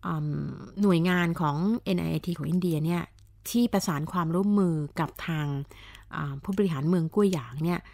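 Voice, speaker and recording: Chatty woman radio host, low voice. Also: brisk, gravelly, no room sound. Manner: chatty, animated, many fillers and asides. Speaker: radio talk show host. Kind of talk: casual explanatory radio talk. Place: radio studio.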